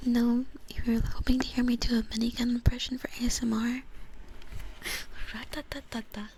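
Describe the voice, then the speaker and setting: Young woman doing whispery asmr chat, kinda high, lots of hiss in the background. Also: completely flat delivery, quick pace. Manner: soft whispering, chatty, giggly. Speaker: ASMR streamer. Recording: noisy whispered mic recording.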